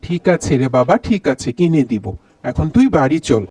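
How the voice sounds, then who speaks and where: A man voicing a gentle, patient cartoon father with a mild, coaxing manner. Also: on the high side, big pitch swings, a little fast, slight background noise. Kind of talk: cartoon voice acting.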